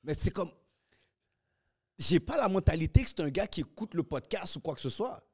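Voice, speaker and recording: Animated co-host telling a story. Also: male voice, high-pitched, normal speed, breathy edge. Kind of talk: casual chat.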